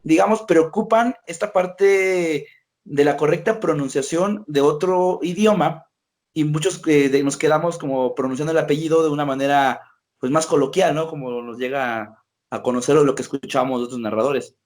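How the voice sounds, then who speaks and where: A man hosting an interview, talking casually in a measured, thoughtful way. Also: fairly high pitch, a little mellow. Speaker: podcast host.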